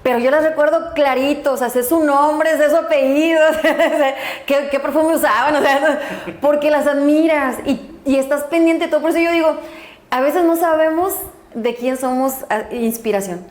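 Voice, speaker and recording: A middle-aged woman with a Mexican accent, a guest telling lively stories from her life and acting out the voices in them. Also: high voice, moderate pace. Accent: Mexican Spanish. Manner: lively, laughing storyteller who acts out voices. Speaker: guest, doctor and school director. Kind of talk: storytelling interview. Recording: echoey room.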